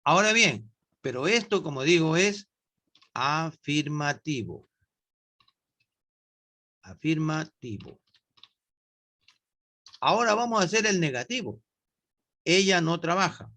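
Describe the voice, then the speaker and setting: A man teaching English in to an online class, with a slow, patient way of explaining and frequent questions to his students. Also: fairly high pitch, expressive, bright, forceful tone.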